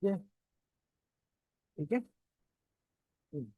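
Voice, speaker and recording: Drawing out his words in a dark tone, a man with an Indian Hindi accent teaches geography in class, explaining step by step while checking in with students and questioning them. The lo-fi classroom audio is dry and dull, with no echo.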